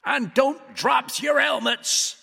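A man voicing a plucky, rough-spoken male spacer on a crutch who talks in folksy, ungrammatical speech. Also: a little high, lively intonation, a little slow, pushed and bright, no room sound, clean studio sound, pitched above the performer's own voice, heavily acted. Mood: urgent. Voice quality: gravelly. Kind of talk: storybook character voice.

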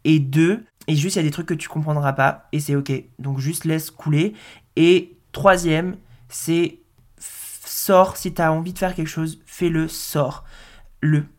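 Brief: woman in her twenties, deep for her sex, relaxed rambling podcast host. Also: a little slow. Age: 20s. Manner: relaxed, chatty, many fillers. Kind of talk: casual audio note monologue.

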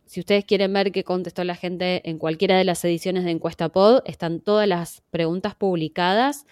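Guesting on an interview, a woman who organizes podcast surveys explains patiently in a measured Argentine Spanish accent, peppering her speech with fillers and "¿no?" tags. Her voice sits on the low side, slightly mellow, clear and resonant, in a dry, clean studio recording.

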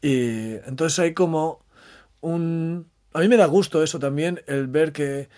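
A man's voice: a little high, measured pace, mellow. A man speaking reflectively as an interview guest, often repeating phrases and adding short tag questions. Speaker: interview guest, maths communicator and storyteller.

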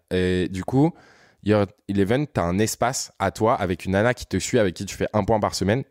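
A French man in his thirties with a very low voice recounts his youth as a podcast guest. His delivery is loose and slangy, full of little asides to the listener. The sound is dry and close-miked. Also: a little mellow, no room sound. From France. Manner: rambling, slangy, frequent "tu vois" asides. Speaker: podcast guest, content creator. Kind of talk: casual storytelling conversation.

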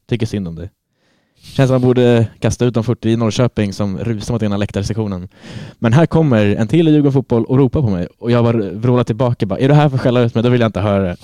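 Guy, low mellow voice, animated storyteller, dry studio sound. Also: no room sound. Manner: animated storyteller, swears casually. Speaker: podcast co-host. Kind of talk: casual chat, storytelling.

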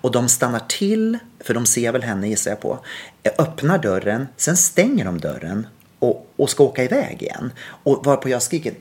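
A man hosting a podcast, telling a story casually with lively quoted dialogue and frequent restarts. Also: mid-range voice. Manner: animated retelling with quoted dialogue and many restarts. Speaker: podcast host.

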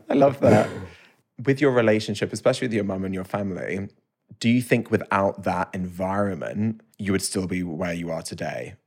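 A man's voice: deep voice, normal speed, darkish tone. A man hosting a podcast interview, asking questions and joking with his guest. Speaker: host.

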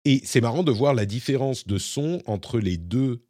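A man's voice: mid-range voice, animated, normal speed, warm tone, no room sound, studio quality. A man hosting a tech podcast, explaining things in casual chat with a few fillers. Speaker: podcast host.

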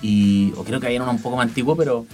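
Chilean guy in his 40s telling stories on a podcast, normal pitch, light music under. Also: racing, a little mellow. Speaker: podcast co-host. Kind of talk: casual chat, anecdotes.

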